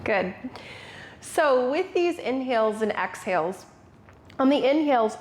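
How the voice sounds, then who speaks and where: A woman with a mid-range voice teaches a yoga breathing exercise. She speaks as an instructor, laying out each step in short, simple cues for the listener to follow. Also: medium pitch. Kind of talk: guided breathing tutorial.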